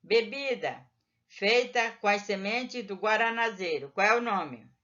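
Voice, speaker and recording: A woman teacher explaining a textbook lesson to young children, slow and patient, drawing out syllables. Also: medium pitch, bright, forceful tone, lo-fi sound.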